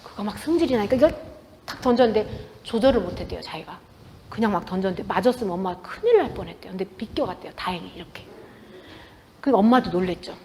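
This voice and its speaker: A woman author giving a talk to an audience in a bookstore, telling stories in a lively way and acting out what people said. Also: mid-range voice, quick pace, a little hiss or hum. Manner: lively storytelling, acting out quoted dialogue. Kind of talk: public book talk to an audience. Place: bookstore event space.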